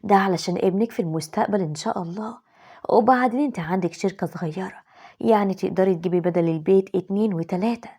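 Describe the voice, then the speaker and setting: A woman with an Egyptian accent voicing a scheming, sweet-talking mother-in-law in an animated story, in a breathy voice. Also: mid-range voice, fast talker. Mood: coaxing.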